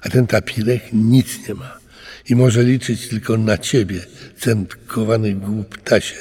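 Mężczyzna czytający bajkę podkłada głos surowemu, pouczającemu duchowi wulkanu, mówiąc głośno. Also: male voice, fairly low pitch, flat delivery, unhurried, husky, in a large hall. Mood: scolding. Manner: loud, lecturing. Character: booming male volcano spirit, stern and preachy. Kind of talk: storybook reading.

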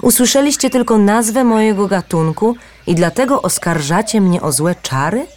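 A woman's voice: medium pitch, animated, normal speed, a little mellow, slight background noise, voice pushed up, natural voice. A woman voicing a proud, touchy male bird of paradise in a storybook reading, talking indignantly and earnestly.

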